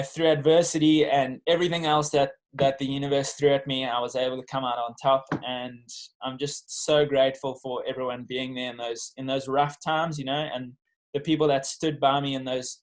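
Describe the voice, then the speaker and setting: A man's voice: medium pitch, poor audio. A man with a South African accent telling his story in a casual interview, speaking as a professional athlete in an earnest, informal, reflective way. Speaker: professional bodyboarder being interviewed.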